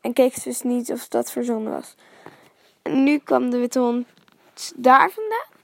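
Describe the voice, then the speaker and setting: Gravelly, steady woman reading a children's story. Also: on the high side, moderate pace, dry recording. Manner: calm and steady, dropping to a near whisper at times, with small reading slips.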